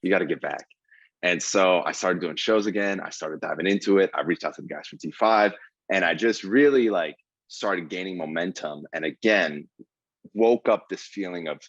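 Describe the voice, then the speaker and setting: A man in his twenties from Ohio, a guest comedian on a casual podcast, tells his life story earnestly and with plenty of fillers. His voice sits low and is slightly rough but fairly bright, delivered at a moderate pace. The recording is lo-fi with no echo.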